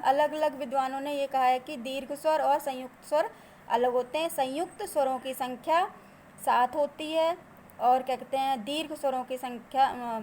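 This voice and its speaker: A woman teacher explaining grammar to children, asking them questions and answering them herself, and drawing out example sounds slowly. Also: high-pitched, darkish tone, slight background noise.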